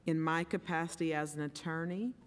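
A woman's voice: low-pitched, steady tone, a little fast. A woman justice administering a formal oath in short phrases for others to repeat. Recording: echoey hall, faint crowd.

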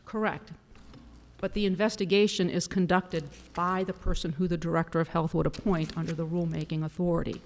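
A woman attorney delivering a formal oral argument to a court in a deliberate, emphatic manner. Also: lowish voice, steady tone. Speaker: appellate attorney. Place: large courtroom. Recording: reverberant hall.

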